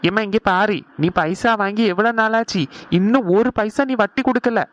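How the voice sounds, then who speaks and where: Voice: medium pitch, moderate pace, muffled recording, close to an everyday voice. A voice actor playing a stern male village moneylender, blunt and demanding. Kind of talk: cartoon voice acting.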